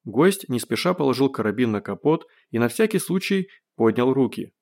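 A man narrating an audiobook with expressive, wry storytelling. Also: medium pitch, moderate pace. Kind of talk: scripted narration.

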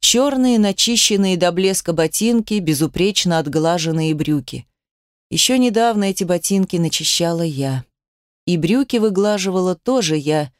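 A woman's voice: fairly low pitch, no room sound. A woman reading a dramatic first-person audiobook, telling it with tense emotion on a close mic. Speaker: narrator.

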